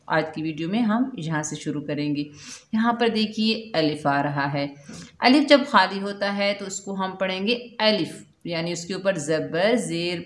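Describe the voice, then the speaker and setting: A woman teaching Quran recitation slowly and patiently, drawing out the recited words in a chant. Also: on the low side, echoey room. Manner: slow, patient explaining with drawn-out chanted recitation. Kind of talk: step-by-step recitation lesson.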